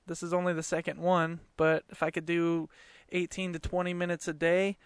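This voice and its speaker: Clear, higher-voiced man podcasting in his twenties. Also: completely flat delivery, moderate pace, dry recording, clean studio sound. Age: late 20s. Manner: informal, earnest, conversational with swearing. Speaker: podcast host. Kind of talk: casual solo podcast monologue. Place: small closet.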